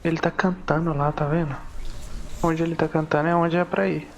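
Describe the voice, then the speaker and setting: Higher-pitched, creaky Brazilian man gaming. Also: level tone, a little fast, slight background noise. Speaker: gaming video host. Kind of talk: casual gameplay commentary.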